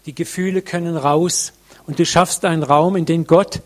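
A man preaching a sermon to a congregation, earnest and reflective, with many pauses, addressing listeners directly. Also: a little high, steady tone.

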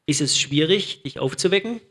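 A man's voice: fairly high pitch, lively intonation, moderate pace, sharp tone. A man interpreting a sermon line by line, mirroring the preacher's delivery with some hesitations and self-corrections.

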